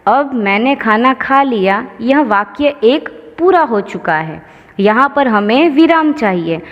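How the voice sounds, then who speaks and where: A school teacher, a woman with a slightly high voice, explains grammar slowly and patiently, working through every example. The audio is dull and lo-fi, and a long reverb trails each word.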